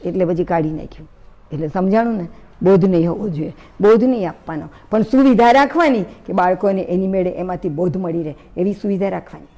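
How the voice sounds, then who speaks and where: A woman giving a storytelling talk to an audience, lively and speaking straight to her listeners. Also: fairly low pitch, fairly quick. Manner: lively, acts out story voices, addresses listeners directly.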